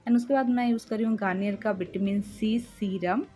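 A young woman narrating her makeup tutorial as a voice-over, speaking slowly and softly at night with a chatty, friendly manner. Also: mid-range voice, steady tone, faint music behind. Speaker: beauty vlogger. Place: room in a house by a main road at night. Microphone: home voice-over recording.

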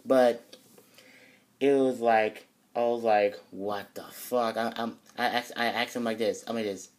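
A man's voice: mid-range voice, fairly even intonation, a little slow, darkish tone. Rambling young man telling a story. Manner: rambling, many restarts and fillers. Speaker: vlogger. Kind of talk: casual storytime.

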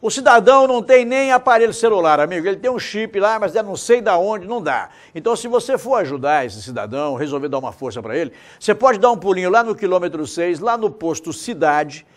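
A man's voice: high voice, expressive, fast, hardly any pauses. A man presenting local TV news in a studio, emphatic and gesturing as he appeals straight to viewers. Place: TV studio set.

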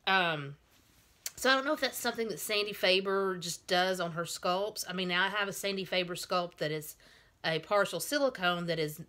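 A woman's voice: fairly low pitch, normal speed, pushed and bright. A woman in her thirties at home, casually unboxing a doll for a vlog and gushing over each tiny item. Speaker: doll collector vlogger. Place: at home with cat and child nearby.

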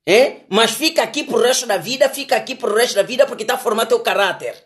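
A man's voice: extremely high pitch, quick pace, fairly bright tone. A man giving a casual motivational rant, emphatic and repetitive, chiding his listeners with rhetorical questions. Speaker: vlogger giving life advice.

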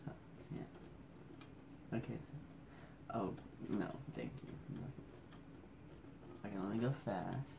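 A man's voice: fairly low pitch, slow, creaky, long pauses, very noisy. A man vlogging casually at home at night, keeping his voice down so he won't wake the house, rambling and joking at his own expense as he scrolls through old photos. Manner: rambling, self-mocking.

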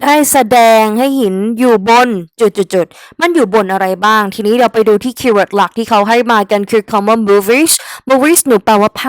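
Young Thai-accented woman tutor, chatty and familiar, fairly high voice, dry close sound. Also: no echo. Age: young adult. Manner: chatty, talks straight to the students as "kids", mixing English words into her lesson. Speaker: English tutor. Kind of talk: exam-prep vocabulary lesson.

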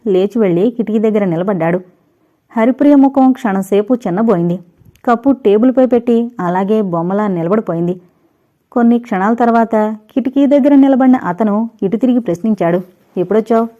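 A woman narrating a novel in a steady, even storytelling manner. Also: fairly high pitch, fairly quick. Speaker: audiobook narrator. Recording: dull lo-fi recording.

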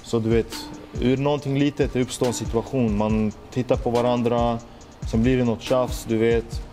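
A man's voice: medium pitch, flat delivery, mellow, faint music behind. A young man, earnestly reflecting on his life in a personal monologue, full of street slang and "du vet" fillers. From Sweden. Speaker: musician telling his story.

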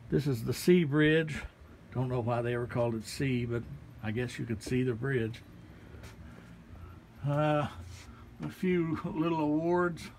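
A man's voice: mid-range voice, a little slow, slight background noise. A man, casually showing visitors around a small art gallery and pointing out paintings one by one. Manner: relaxed, folksy, pointing things out one by one. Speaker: artist giving a gallery tour. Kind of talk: casual walking tour narration. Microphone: handheld phone camera.

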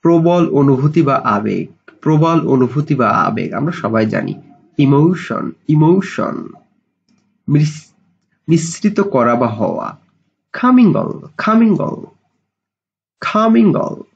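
A male English vocabulary teacher with a Bengali accent, giving a slow voice-over lesson and repeating each English word several times to stress how it is pronounced. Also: medium pitch, sing-song, creaky, husky, dull audio.

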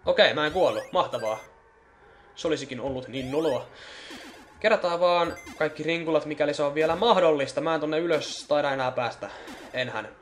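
A young man giving casual commentary as he plays a horror game, joking, swearing and mocking the scares. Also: fairly high pitch. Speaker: let's play gamer. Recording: faint music in the background.

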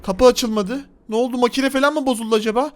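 A man hosting a block-game role-play, narrating dramatically to his viewers and often shouting in excitement. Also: very high-pitched, fast talker. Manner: addresses viewers as friends. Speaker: gaming channel host.

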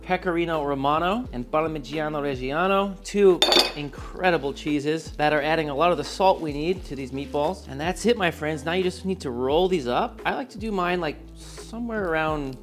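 A man's voice: fairly high pitch, moderate pace, few pauses, over music. A man in his thirties hosting a home cooking tutorial in a kitchen, enthusiastic with playful asides. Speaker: cooking show host.

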